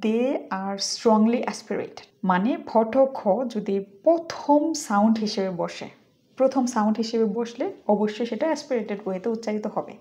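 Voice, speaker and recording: A woman's voice: on the high side, mellow. Bangladeshi woman teaching English pronunciation. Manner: slow, exaggerated model pronunciations. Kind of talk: pronunciation lesson.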